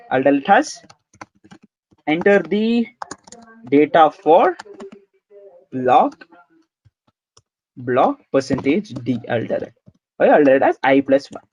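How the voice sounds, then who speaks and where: Man, coding instructor, talks through his typing, repeats phrases, slightly high voice, dry close sound. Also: darkish tone, dry recording. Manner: talks through code as he types, many repeats, says "guys" and "sir". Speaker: programming instructor. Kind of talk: screen-recorded coding tutorial.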